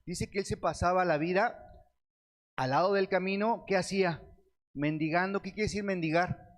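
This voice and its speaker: Preaching man who asks and answers himself. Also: sits high. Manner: reads scripture aloud with slow stretched words; addresses the congregation as beloved brethren. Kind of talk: sermon.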